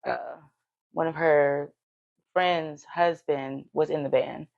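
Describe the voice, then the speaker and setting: A woman guest telling her life story in a casual, animated way, her voice jumping high when excited. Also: slow, gravelly, dull audio.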